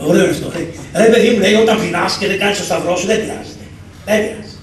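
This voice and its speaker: A man giving a storytelling sermon, animated and acting out the dialogue of his story. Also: high voice. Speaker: speaker at a church gathering. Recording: echoey hall from far off.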